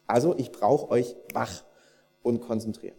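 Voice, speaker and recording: A man's voice: mid-range voice, a little slow, mellow, in a large hall, faint music behind. A man preaching a conversational sermon, speaking directly to the congregation and acting out people's inner thoughts in quoted asides. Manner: conversational, addresses the congregation directly and polls them.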